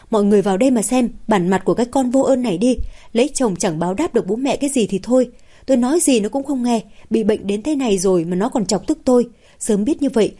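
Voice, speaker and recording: Woman doing a shrill, bullying older mother, wailing, scolding, mellow-toned. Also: natural voice.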